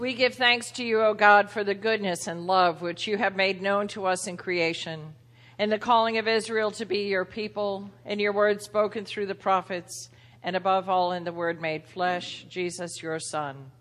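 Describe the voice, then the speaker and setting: A woman leads the communion prayers in slow, solemn, measured phrases. Her voice rings out with a long, lingering reverb, as if it fills a large stone church. Her pitch sits in the middle of the usual range. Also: fairly even intonation, fairly bright tone. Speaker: celebrant leading a Eucharist service. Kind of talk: liturgical prayer recitation.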